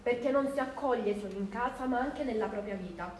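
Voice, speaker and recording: A young woman, a student presenter, announcing from a script in a clear, composed way. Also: fairly high pitch, brisk, darkish tone. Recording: roomy with faint background noise.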